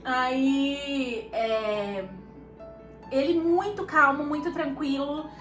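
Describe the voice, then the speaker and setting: Lively high-voiced woman telling a story. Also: very slow. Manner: lively, laughs often, acts out quoted voices. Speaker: vlogger telling a couple's story. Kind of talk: casual storytelling. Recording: echoey room with background music.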